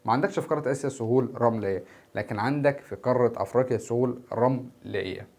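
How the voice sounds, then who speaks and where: A man's voice: mid-range voice, fast, creaky, darkish tone. A tired man teaching a geography lesson in Egyptian Arabic, repeating key terms and asking and answering his own questions. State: tired, filming at four in the morning. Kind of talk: exam-prep geography lesson. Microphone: standing before a camera.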